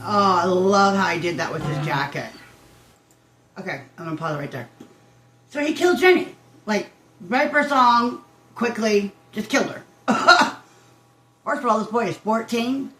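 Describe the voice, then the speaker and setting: A woman's voice: medium pitch, normal speed, fairly bright tone. An older woman giving a casual reaction commentary, rambling and interrupting herself like a chatty old woman. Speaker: reaction video host. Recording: roomy echo, guitar music behind.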